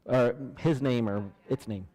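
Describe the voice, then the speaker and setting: A man hosting a church trivia night, reading questions slowly, counting down and laughing at himself. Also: medium pitch, dark tone. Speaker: trivia host. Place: church hall. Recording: large hall with long reverb.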